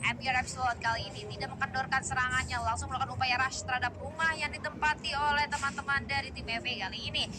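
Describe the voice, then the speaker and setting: A high-voiced woman shoutcasts an esports match like a game announcer. She talks very quickly, dropping English gaming terms into the play-by-play over loud background noise. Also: flat delivery. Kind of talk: live mobile battle royale match commentary.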